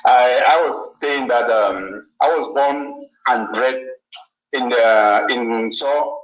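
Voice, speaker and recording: A man from Cameroon, heard over a phone on speakerphone as a guest author, answering in a deliberate, reflective way. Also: mid-range voice, a bit bright. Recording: roomy, muffled speakerphone call.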